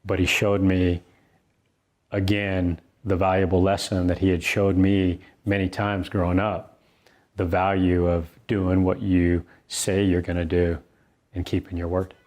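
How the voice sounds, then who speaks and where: A middle-aged man narrates a personal story from his own book, sounding earnest and conversational and pausing to think. He speaks low and level, with a darkish tone.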